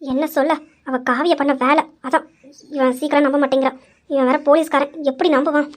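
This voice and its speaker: A fretful old grandmother, voiced by a woman, coaxing and hesitant, who trails off as she talks. Her voice sits very high but drops lower and softer than the other roles. Amateur family drama. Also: fairly even intonation, fairly quick, natural voice. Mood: worried.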